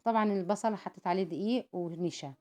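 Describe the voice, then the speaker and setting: A woman's voice: medium pitch, fast. A woman with an Egyptian Arabic accent, narrating a home cooking vlog in a chatty way. She explains each step, calls her viewers "my dears" and adds prayers for them. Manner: warm and devout, calls viewers "my dears", prays for them often.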